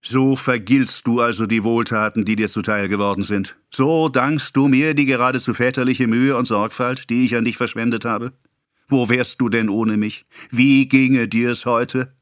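A man's voice: fairly high pitch, bright, forceful tone, no echo, clean studio sound, pitched above the performer's own voice, full character voice. A man playing a pompous raging apothecary. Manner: ranting, scolding, self-important. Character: pompous excitable middle-aged male apothecary. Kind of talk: audiobook character voice.

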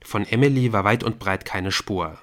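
A man reading a novel aloud as an audiobook narrator, in a steady, measured storytelling voice. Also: fairly low pitch. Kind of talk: scripted narration.

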